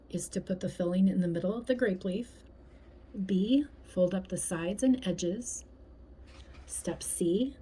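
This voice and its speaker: A woman reading a picture book aloud in an expressive way, whispering and playing up the sound words. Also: on the low side, breathy edge. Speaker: storybook reader.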